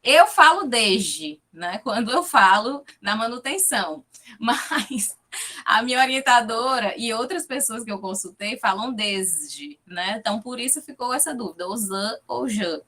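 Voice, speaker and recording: Presenting her research over a video call, a guest lecturer in linguistics from Fortaleza, Ceará, Brazil speaks with a Fortaleza accent in a slightly high, slightly bright voice, a little slowly. She explains her findings and checks in regularly with those listening.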